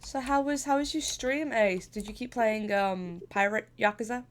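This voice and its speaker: A woman's voice: fairly high pitch, moderate pace, slight background noise. A woman streamer chatting casually and playfully while gaming, laughing often and sniffly with a stuffy cold.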